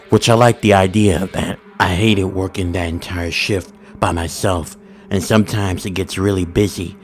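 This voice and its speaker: A man narrating a first-person horror story in a steady, ominous storytelling manner with informal grammar. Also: sits low.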